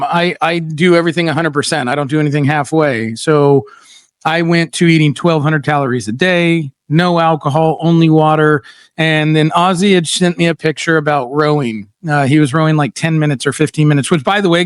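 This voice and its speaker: A man's voice: fairly high pitch, smooth, no echo, studio quality. A middle-aged man hosting a casual livestream chat, telling stories bluntly and animatedly with lots of fillers. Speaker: podcast host.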